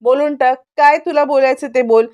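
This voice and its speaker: A woman's voice: high-pitched, fairly even intonation, normal speed, darkish tone, dull audio, pitched above the performer's own voice, natural voice. A woman voicing a middle-aged mother who scolds her daughter and bosses everyone around. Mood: scolding. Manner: scolding, bossy.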